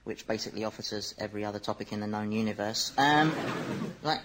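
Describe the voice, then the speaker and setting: A man's voice: fairly low pitch, fast talker, background noise. A man co-hosting a comedy radio show in a dry, unimpressed manner. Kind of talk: scripted comedy sketch.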